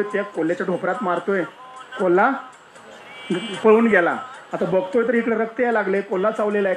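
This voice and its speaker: A medium-pitched voice with slight hiss or hum belongs to a spiritual discourse speaker who teaches by way of a parable. He frequently asks rhetorical questions, then answers them, explaining patiently and going back over key points.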